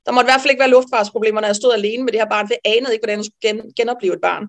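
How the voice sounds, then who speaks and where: A woman midwife telling a personal story in an interview, lively and animated, with frequent fillers. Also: on the high side. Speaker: midwife guest.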